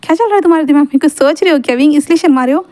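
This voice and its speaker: A forward young man who teases and coaxes in a storybook reading, voiced by a woman who keeps to her own voice, high-pitched and soft-toned. He pushes playfully, always needling. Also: racing, close to an everyday voice. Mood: teasing. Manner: teasing, coaxing.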